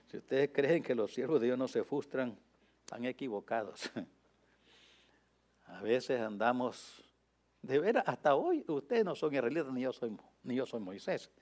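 A man preaching a sermon as a pastor, swinging from quiet, confiding asides to loud, impassioned climaxes, speaking to radio listeners. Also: mid-range voice, animated, measured pace. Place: radio broadcast.

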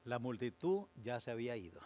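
A male pastor preaching a sermon, moving from measured explanation to slow, emphatic, fervent declarations. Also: medium pitch, big pitch swings, mellow.

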